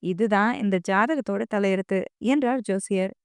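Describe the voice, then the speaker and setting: A woman narrating an audio novel in a steady storytelling manner. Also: mid-range voice, normal speed, clean tone, no room sound, clean studio sound. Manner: steady storytelling, voicing every character.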